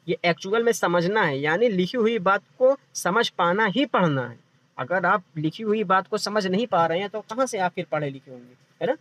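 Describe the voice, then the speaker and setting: A man's voice: sits high, a bit bright, highs cut off. A male teacher giving an exam-prep lecture, repeating each point and answering his own questions. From India.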